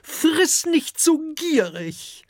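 A brisk, scolding mother dragon with a much higher, lively voice, as a male storybook reader puts her on. She fusses and corrects with wide pitch swings. The recording is close and dry. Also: no room sound, exaggerated voice. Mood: scolding motherly.

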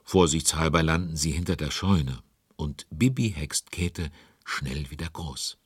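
An actor playing a genial storyteller narrating a children's audio drama, conversational and wondering aloud in a husky voice. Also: male voice, unhurried, no echo, clean studio sound, heavily acted. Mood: storytelling. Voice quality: deep, husky. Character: genial male storyteller commenting on events.

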